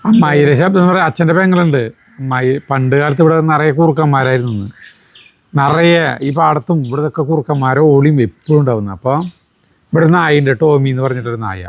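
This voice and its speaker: A man's voice: on the high side, fast, dry recording, dull audio. Man telling a rambling local story. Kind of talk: casual storytelling.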